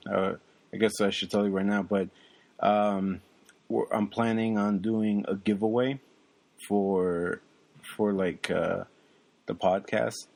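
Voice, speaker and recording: A young man talks casually as a podcast co-host. His voice sits low, and he rambles along, filling pauses with ums and uhs. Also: creaky, dry recording. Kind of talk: casual chat.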